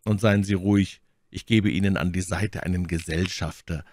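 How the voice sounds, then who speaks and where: A man's voice: low-pitched, fairly even intonation, darkish tone, a little hiss or hum, close to an everyday voice. A man doing a cold, contemptuous English lord. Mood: coldly threatening. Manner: cool, contemptuous, measured. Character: cold, mocking English lord, older brother-in-law. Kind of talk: audiobook reading.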